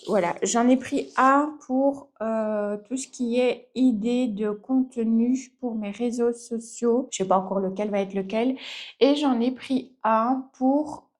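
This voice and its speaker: French woman vlogger, fairly high voice, rambling friendly chat with fillers. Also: a little mellow. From France. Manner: chatty, many fillers, laughs at herself. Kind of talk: casual vlog chat.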